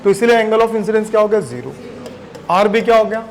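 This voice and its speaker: A man's voice: sits high, lively intonation, fairly quick, rough recording. A man teaching physics in a classroom, often firing questions at his students. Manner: questioning the class often, mixing in English terms. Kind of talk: classroom lecture.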